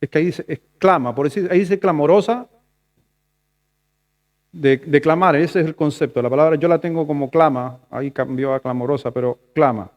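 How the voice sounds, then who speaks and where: A male pastor with a Chilean Spanish accent preaching a sermon in a conversational way, rising to loud emphatic lines and dropping to soft asides. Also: a little high, moderate pace.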